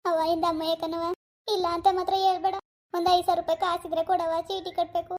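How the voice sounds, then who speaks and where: A woman's voice: high voice, flat delivery, quick pace, warm tone, close to an everyday voice. A woman voicing a young married village daughter in a cartoon, nervous and pleading. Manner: nervous, pleading, tearful begging. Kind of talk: cartoon voice acting.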